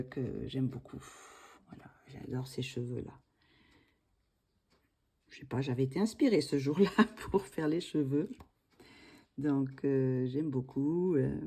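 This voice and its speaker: A woman's voice: extremely low pitch, dark tone. A woman hosting a coloring vlog, casually showing her favorite pages with many hesitations and restarts. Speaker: coloring channel host. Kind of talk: casual show-and-tell vlog.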